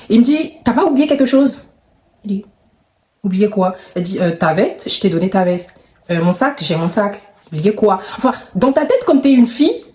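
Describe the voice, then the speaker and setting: A young woman telling a storytime in casual chat, animated and slangy, shifting between loud exclamations and whispers. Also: medium pitch, roomy sound, a little hiss or hum. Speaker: vlogger.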